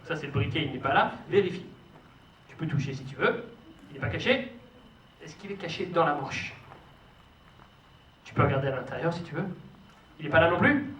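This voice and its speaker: A man performs as a kids' party magician in a high voice. He is theatrical and playful, teasing and coaxing young helpers and parents. The recording is distant and echoey, with clear audience noise in the hall. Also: brisk, long pauses, fairly bright tone. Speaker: stage magician hosting a children's magic show. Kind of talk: live kids' party magician patter to children and families. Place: show venue with a stage and live audience.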